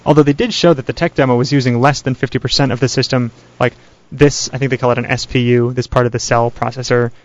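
A man hosting a call-in radio show in a smooth radio host manner, chatty and keeping the talk moving between callers. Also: medium pitch, fairly even intonation, fast talker. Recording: dry, dull lo-fi radio broadcast.

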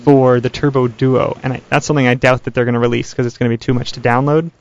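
Smooth radio host guy taking callers, talks quick, dull lo-fi broadcast sound. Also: mid-range voice, level tone. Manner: chatty and fast, keeps the talk moving between callers. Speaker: call-in radio show host.

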